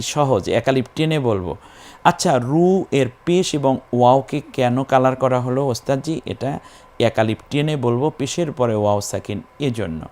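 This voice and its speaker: A man teaching a recitation lesson step by step, spelling out syllables and drawing out the chanted words slowly. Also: medium pitch, darkish tone.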